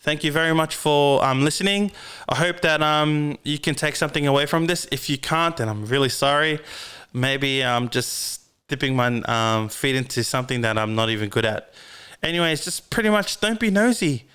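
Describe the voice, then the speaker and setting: A man's voice: mid-range voice, steady tone, normal speed, sharp tone, clear, resonant tone. A man with a broad New Zealand accent hosting a podcast, giving casual, slangy, sweary advice on his own. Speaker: podcast host.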